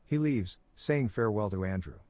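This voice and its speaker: Man, scripted recap narration, steady even delivery, deep-ish voice. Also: moderate pace.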